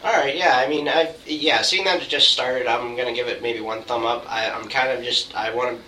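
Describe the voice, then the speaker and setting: A man's voice: mid-range voice, fairly even intonation, brisk, bright, forceful tone. A man co-hosting a podcast, swearing a lot and ranting with animation in casual chat. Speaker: podcast co-host. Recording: echoey room with faint noise.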